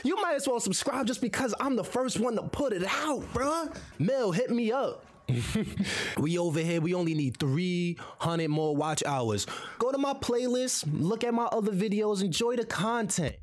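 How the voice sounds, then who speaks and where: A man's voice: high-pitched, animated, normal speed. A man hosting a reaction video, hyping it up in slangy casual chat and urging viewers to subscribe. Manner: slangy, hype-building, pleads for subscribers.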